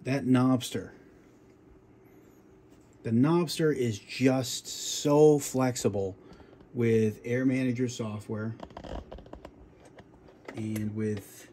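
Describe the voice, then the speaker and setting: Guy showing off his home sim cockpit, kinda rambly, middle pitch, little bit of background hiss. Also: steady tone, very slow, pauses often, mellow. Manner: rambling, with many fillers and restarts. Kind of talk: casual show-and-tell walkthrough.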